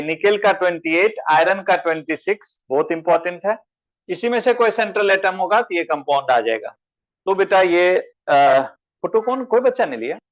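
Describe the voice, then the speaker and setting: A man with a high-pitched voice teaches chemistry in an online class lecture, and the audio sounds dull. He calls students by name, addresses them as "beta," and asks them questions.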